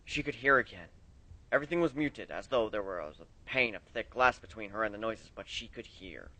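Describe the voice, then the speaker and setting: A man reading fan fiction aloud, expressive, his loudness rising and falling with the story. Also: lowish voice, normal speed, poor audio.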